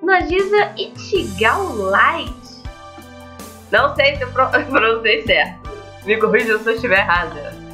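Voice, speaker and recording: A young adult gaming host with a Brazilian accent speaks fairly quickly, her slightly high voice pushed and bright with lively intonation. Chatty and casual, she reads game text aloud during a let's play and peppers viewers with tag questions. Faint game music sits under a slightly dull mic.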